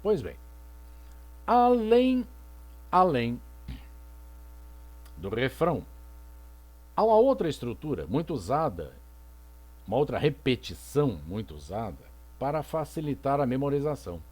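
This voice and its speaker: A man teaching literature lectures on a recording, his medium-pitched voice a little mellow and swinging widely in pitch. He reads poems slowly and teaches by asking rhetorical questions, then answering them.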